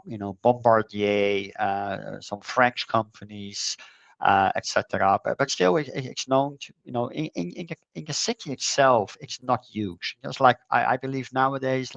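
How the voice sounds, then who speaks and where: A middle-aged man born in the Netherlands, chatting as an interview guest, with a halting way of talking full of fillers and repeated words. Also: mid-range voice, vocal fry, a bit bright, dry recording, dull audio. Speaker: conference co-organizer, guest. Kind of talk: casual conversational interview.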